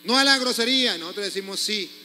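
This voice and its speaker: A man's voice: sits high, expressive, quick pace, bright, forceful tone, long reverb tail, a little hiss or hum. A priest preaching a sermon, scolding his congregation with pointed rhetorical questions.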